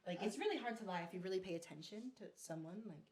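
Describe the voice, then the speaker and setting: A woman's voice: medium pitch, expressive, fast talker, a little mellow. A young woman from New Jersey chatting on a podcast, filling her talk with "like". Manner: chatty, heavy use of "like". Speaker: podcast guest. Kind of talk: casual chat. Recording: roomy echo.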